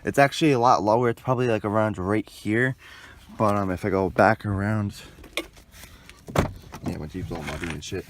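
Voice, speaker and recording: A young adult vlogger with a lowish voice shows how to install a car radio, working in and around a parked car outdoors. He speaks at a moderate pace with long pauses, rambling informally and swearing mildly, and there's slight background noise.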